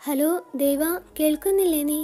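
A woman's voice: high voice, moderate pace, dark tone, lightly acted. Caring young friend, voiced by a woman, firm, reassuring, faint music behind. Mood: insistent.

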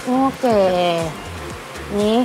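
A young woman with a rather high voice hosts a food show from an open-sided restaurant hut, background music playing. Speaking extremely slowly in a steady tone, she tastes dishes and chats enthusiastically with viewers, though the recording quality is low.

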